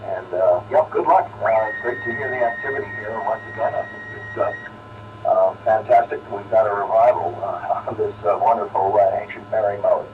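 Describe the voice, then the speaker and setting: A distant, narrow-band radio signal carries a low-pitched man. He checks in casually and haltingly as an amateur operator, with noise clearly audible around the voice. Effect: radio transmission.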